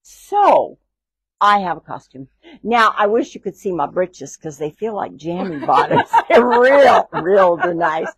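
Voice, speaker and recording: A woman's voice: medium pitch, big pitch swings, measured pace, husky, dry recording, rough recording. Woman shop co-host, casual chat, playful and laughing, dry close sound. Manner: chatty and laughing, playful teasing. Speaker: co-host of a fabric shop livestream. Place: fabric shop.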